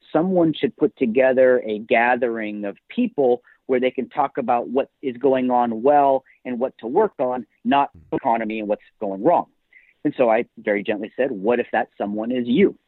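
A man's voice: mid-range voice, normal speed, no room sound. A male author talking as a podcast guest, telling stories in an emphatic motivational-speaker way, heard over a tinny, phone-like line. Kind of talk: podcast interview.

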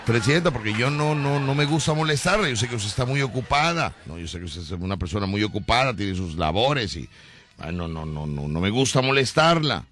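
Animated Mexican radio host man. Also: on the low side, a little fast. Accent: Mexican Spanish. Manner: animated storytelling, acts out quotes. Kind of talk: casual radio banter.

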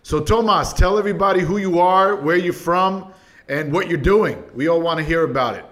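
Higher-voiced man hosting an interview. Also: moderate pace, a bit bright. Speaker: interview show host.

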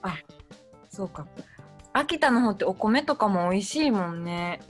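A woman's voice: mid-range voice, expressive, faint music behind. A woman with a Kansai accent, hosting a casual chat and asking friendly, curious questions. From Kobe, Japan. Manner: friendly, curious, quick back-channel replies.

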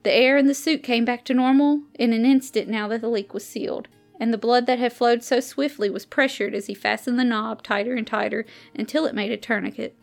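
Library reader, female, slightly high and gravelly, acts out dialogue, soft music under. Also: brisk. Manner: lively character voices in dialogue, pitch rising for shouts. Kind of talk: reading a short story aloud.

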